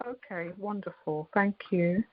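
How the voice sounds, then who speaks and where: Woman on a crackly, fading phone line. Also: medium pitch. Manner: hesitant, halting questions. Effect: weak crackly phone line that fades in and out. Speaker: caller. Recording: muffled phone-line sound.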